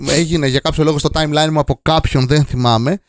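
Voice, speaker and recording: A man's voice: a little high, fairly even intonation, no echo, studio quality. A young man from Serres co-hosting a podcast, joking wryly in casual chat. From Serres, Greece. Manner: wry, joking, storytelling. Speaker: podcast co-host.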